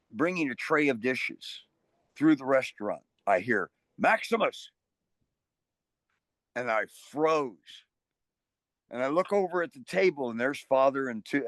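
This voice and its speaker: A man's voice: mid-range voice, no echo. An older man, an interview guest, telling stories in a casual, rambling way and often restarting his sentences. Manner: rambling, restarts often, animated voices in anecdotes.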